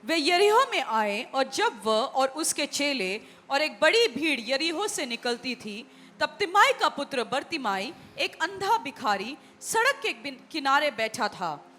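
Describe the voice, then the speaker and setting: Woman reading scripture aloud. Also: high-pitched. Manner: measured, expressive reading. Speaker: scripture reader. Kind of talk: reading a Bible passage aloud.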